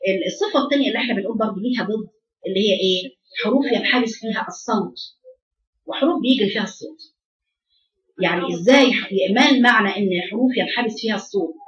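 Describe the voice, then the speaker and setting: A woman with an Egyptian accent teaching Quran recitation to a class of girls, correcting them and repeating each sound to demonstrate. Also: on the high side. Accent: Egyptian Arabic. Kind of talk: tajweed lesson to a class. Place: classroom with air conditioners. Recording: roomy, distant, dull recording.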